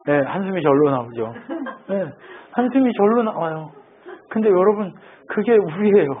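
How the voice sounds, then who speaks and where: Pastor, male, conversational sermon, husky voice, lo-fi phone sound. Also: on the high side. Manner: conversational, asks the congregation questions.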